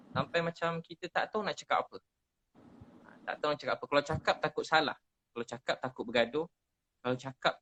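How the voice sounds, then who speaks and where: A man's voice: mid-range voice, a bit bright, poor audio. A man with a Malaysian Malay accent, a preacher giving earnest, heartfelt religious advice and repeating his key phrases. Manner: earnest, repetitive, emotionally emphatic. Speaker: Islamic preacher.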